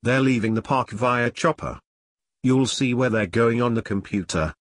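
A man voicing a villain with a sniper rifle who taunts his targets in a low, odd way. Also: normal speed, dry recording, studio quality, natural voice. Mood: taunting.

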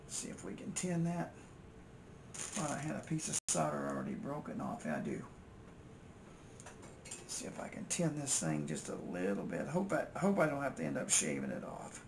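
This older American man speaks in a mid-range, creaky voice at a moderate pace and pauses often. An electronics repair hobbyist and video host, he mutters folksy, thinking-aloud narration while working at an indoor bench, with steady noise in the home-made recording.

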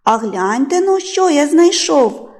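A woman's voice: high-pitched, big pitch swings, slow, in a large hall, heavily acted. A woman doing a cheerful hardworking rooster. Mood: calling. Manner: bright, calling out loudly.

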